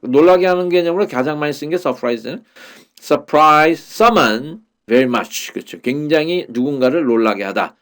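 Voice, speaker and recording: A man whose voice is on the high side, animated and a bit bright, teaches English Bible verses in Korean. He explains things slowly, repeats the English wording, and fills his speech with many fillers.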